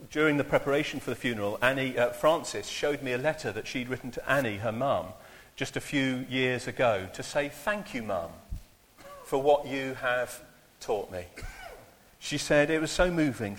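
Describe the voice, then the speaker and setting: A man leading a church service, talking in a halting, informal way with many fillers and restarts. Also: medium pitch, a bit bright, long reverb tail. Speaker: minister. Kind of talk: informal sermon.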